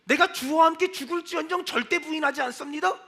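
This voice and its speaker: A man's voice: very high-pitched, fast talker, pushed and bright, exaggerated voice. A male pastor voicing a hot-tempered, impulsive apostle within a sermon, blurting eagerly.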